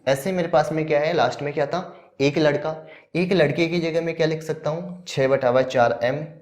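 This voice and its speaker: A man's voice: fairly high pitch, steady tone, normal speed, darkish tone. A man teaching an exam-prep maths lesson who talks through each step, asks questions and answers them himself.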